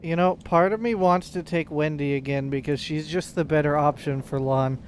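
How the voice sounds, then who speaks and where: A man's voice: fairly high pitch, fairly even intonation, moderate pace, a little hiss or hum. A man giving casual gameplay commentary with dry, teasing banter. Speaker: gamer playing and commenting.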